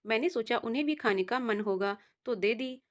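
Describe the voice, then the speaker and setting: A woman voicing a sharp-tongued, sarcastic young sister-in-law in a storybook reading. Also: fairly high pitch, moderate pace, lightly acted. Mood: taunting. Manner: taunting, sarcastic.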